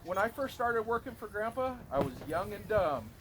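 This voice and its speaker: A man's voice: sits high, very animated, normal speed, fairly bright tone. A man reading a prepared eulogy for his grandfather from notes, now and then stumbling on a word. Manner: reads from notes with occasional stumbles on words. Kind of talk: prepared eulogy read aloud. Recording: clearly noisy recording.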